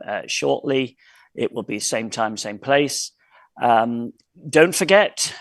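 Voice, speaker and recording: A man hosting an online quiz wrap-up over a video call, talking in halting bursts with many fillers and restarts. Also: mid-range voice, creaky, no echo. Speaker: quiz host.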